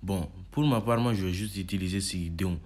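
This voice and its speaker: A young man calmly explaining an alphabet lesson to viewers. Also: deep voice, brisk. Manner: calm explaining, voice jumps up loud on each letter called out. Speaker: language teacher.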